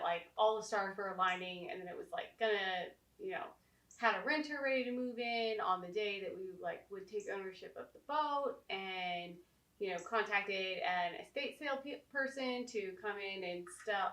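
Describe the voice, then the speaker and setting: Halting woman with a slight lisp. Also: mid-range voice, sharp tone. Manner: halting, frustrated, many restarts. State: slight lisp from new teeth aligners. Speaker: vlogger, co-host of a sailing channel. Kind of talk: casual chat to camera. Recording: echoey room, distant mic, faint music.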